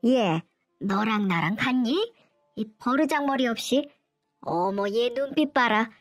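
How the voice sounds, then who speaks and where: A woman voicing a harsh, scolding older mother-in-law who nags with contempt in a storybook narration. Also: close to an everyday voice. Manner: shrill, nagging, contemptuous.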